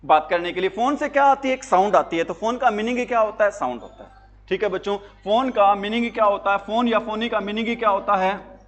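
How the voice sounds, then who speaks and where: पुरुष शिक्षक, ऊँची आवाज़, परीक्षा-तैयारी पाठ, बार-बार सवाल पूछकर खुद जवाब देता, मज़ाकिया किस्से. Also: male voice, sits high, animated, a little fast, dull audio. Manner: call-and-response questioning, answers his own questions; jokey, tells anecdotes. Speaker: teacher. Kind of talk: exam-prep lesson.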